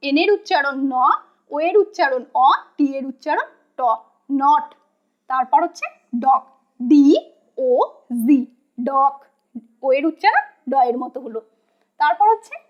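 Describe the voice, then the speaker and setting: A woman teaching English phonics, spelling out words letter by letter at a slow, patient pace and asking questions she then answers herself. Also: high-pitched. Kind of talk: phonics lesson. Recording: dull lo-fi sound.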